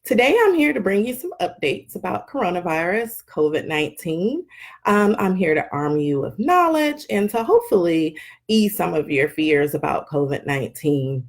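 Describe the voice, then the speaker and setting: A woman doctor giving a live health update from her wellness clinic, calm and explanatory, often pausing with um. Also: lowish voice. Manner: calm, explanatory, with frequent ums.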